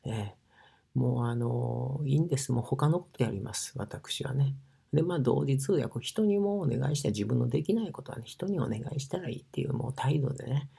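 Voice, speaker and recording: A man with an Osaka dialect talks in a loose, rambling monologue, his voice very husky and gravelly. His tone is mellow yet lively, rising and falling a lot. He pads his talk with fillers and often slips down to a breathy near-whisper. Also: medium pitch. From Osaka, Japan. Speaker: sauna ambassador. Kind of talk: casual monologue.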